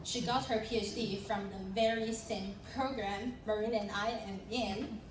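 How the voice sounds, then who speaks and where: A woman's voice: medium pitch, steady tone, unhurried. A young adult woman from Taiwan, moderating a panel in a friendly way with fillers and light laughs. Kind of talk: panel introductions and presentation. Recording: roomy sound from a distant mic with background noise.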